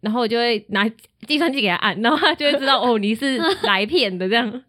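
A woman's voice: fairly high pitch, fast, sharp tone. A woman with a Taiwanese Mandarin accent co-hosting a podcast, chatting in a bubbly way and acting out the voices of people in her stories. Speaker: podcast co-host. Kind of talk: casual chat.

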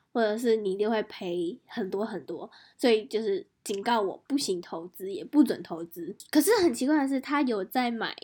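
A woman hosting a podcast, telling a personal story in a lively, animated way with quick restarts. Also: mid-range voice, breathy edge. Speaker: podcast host. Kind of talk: casual podcast chat.

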